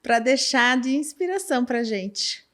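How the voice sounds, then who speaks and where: A woman's voice: high-pitched, lively intonation, measured pace. A woman hosting a podcast interview, asking questions and giving brief affirming replies. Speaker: podcast host. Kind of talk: casual interview chat.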